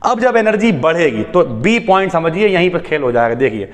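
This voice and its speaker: एक आदमी chemistry teacher, जो हल्के-फुल्के मज़ाकिया अंदाज़ में छात्रों को "भाई" कहकर समझाता है।. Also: male voice, a little high, very animated, normal speed. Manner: chatty, jokey, calls students brother. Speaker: chemistry teacher. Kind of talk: casual explaining lecture. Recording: long hall reverb.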